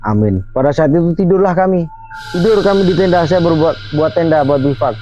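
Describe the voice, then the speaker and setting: Leading a nighttime outing, this host speaks in a high, mellow voice with lively intonation and a fairly quick pace. He earnestly relates a true story, emphatic and heavy on fillers, on a lo-fi recording with light music behind him.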